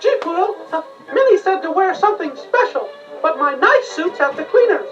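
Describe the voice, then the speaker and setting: Squeaky falsetto Mickey Mouse. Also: male voice, sing-song, moderate pace, fairly bright tone, distant mic, lo-fi sound, faint music behind, full character voice. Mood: chipper, bashful. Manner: bashful, hesitant, gee-whiz politeness. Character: cheerful, innocent male cartoon mouse. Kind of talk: read-along storybook acting.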